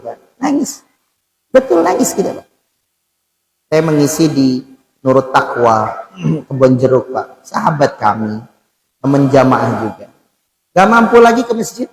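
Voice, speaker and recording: A male preacher giving a conversational sermon in a mosque. He keeps addressing the congregation directly and swings between loud bursts and soft asides. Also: fairly high pitch, rough recording.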